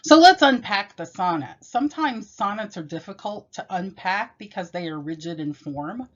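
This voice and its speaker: A woman giving a measured, explanatory poetry lesson and reading the poem aloud. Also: mid-range voice, lively intonation. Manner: measured, explanatory, with occasional self-corrections. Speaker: teacher. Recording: dull, lo-fi.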